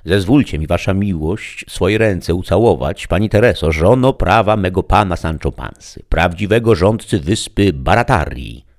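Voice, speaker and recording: A man's voice: low-pitched, expressive, moderate pace, few pauses, voice pushed up. A man doing a courteous young page. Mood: deferential. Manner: formal, deferential courtly speech. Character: courteous young male page, eager servant.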